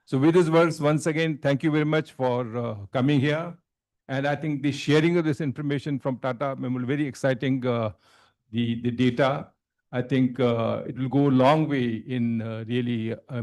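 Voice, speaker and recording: A man with an Indian accent making a formal welcome speech at a conference, halting and repeating phrases. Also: medium pitch, steady tone, darkish tone. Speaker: hospital executive giving remarks at a medical conference.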